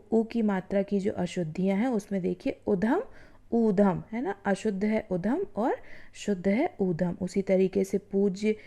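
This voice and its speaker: A woman teacher walks schoolchildren through common spelling errors, slowly drawing out each example word and pausing to check they follow. Her voice is mellow and warm, at a middle pitch. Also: gravelly. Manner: drawn-out demonstration of words, frequent "है ना" and "ठीक है"; addresses the students directly as children. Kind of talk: classroom lesson explaining spelling errors.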